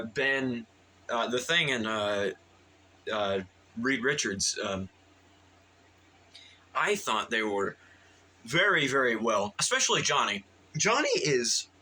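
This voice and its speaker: A man's voice: medium pitch, bright, forceful tone, husky, rough recording. A man giving a casual, rambling movie review, full of fillers and restarts and eager in tone.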